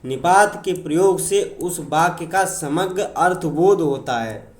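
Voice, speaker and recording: A man's voice: fairly high pitch, slow, roomy sound. A man teaching an exam-prep grammar lecture, explaining with examples, repeating points and often checking in with his students.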